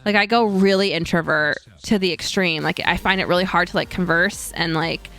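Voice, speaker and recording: A woman's voice: fairly even intonation, a little fast, fairly bright tone. A young adult woman chatting casually as a co-host, telling a rambling story full of fillers and now and then acting out what people said. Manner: acts out quoted voices in a higher pitch. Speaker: streamer and co-host. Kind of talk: casual chat.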